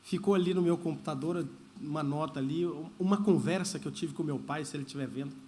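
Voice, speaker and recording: A man's voice: on the high side, fast, a little mellow. A man preaching a sermon as pastor, talking in a conversational way and slipping into Spanish phrases. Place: church service.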